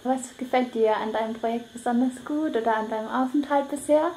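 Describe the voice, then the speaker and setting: Mellow woman interviewer, echoey room. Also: a little high, brisk. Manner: brief questions, frequent "mhm". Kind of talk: interview questions. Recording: echoey room with faint noise.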